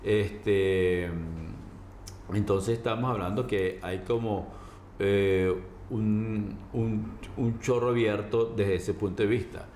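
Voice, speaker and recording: A man speaking as a doctor being interviewed, explaining medical matters informally in a halting way, often checking that he is understood. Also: on the low side, fairly even intonation, a little mellow. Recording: roomy echo, faint background noise.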